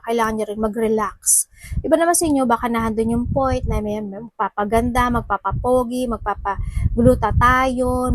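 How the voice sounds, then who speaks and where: A woman's voice: a little high, a little hiss or hum, poor audio. A woman giving a casual tarot reading, chatty and full of asides and fillers. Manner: chatty, mixing Tagalog and English, with frequent fillers and asides. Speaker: tarot reader.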